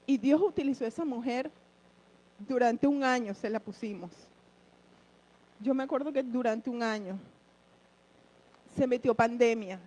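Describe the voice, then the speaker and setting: A woman with a fairly high voice shares an earnest personal testimony in church. Her breath runs short with emotion, and she speaks directly to her listeners. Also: a little slow, long pauses, darkish tone, poor audio. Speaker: church member giving a testimony.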